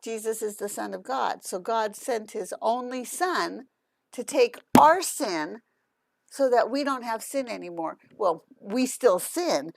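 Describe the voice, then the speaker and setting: Woman puppeteer leading a kids' Bible lesson, patient explainer, higher-pitched voice, dry close recording. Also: gravelly, no room sound.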